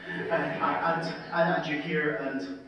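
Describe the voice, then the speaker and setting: A Scottish man, an emergency department consultant, telling a story in a talk with wry humour and punchy, dramatic pauses, played from a video into a conference hall. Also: fairly high pitch, steady tone, far from the mic, dull audio. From Scotland. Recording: video played into an echoey hall, heard from afar.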